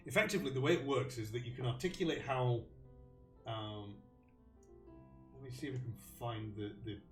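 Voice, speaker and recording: A man's voice: on the low side, roomy sound, far from the mic. A man hosting a live stream, thinking aloud about a game with many ums and restarts. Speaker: host.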